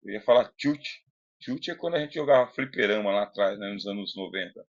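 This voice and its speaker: A man's voice: on the low side, a little fast. Brazilian man lecturing informally, slightly dull audio. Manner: didactic, conversational, asks the listener rhetorical questions. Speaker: philosophy lecturer. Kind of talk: informal recorded lecture with read-aloud passages. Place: closed room indoors. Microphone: close Bluetooth microphone.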